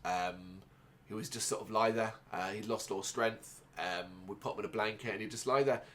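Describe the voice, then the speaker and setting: A man who grew up in Ireland, talking through a casual personal monologue in a rambling, halting way, with many restarts and fillers. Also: fairly low pitch, fairly even intonation, fairly bright tone. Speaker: podcast host.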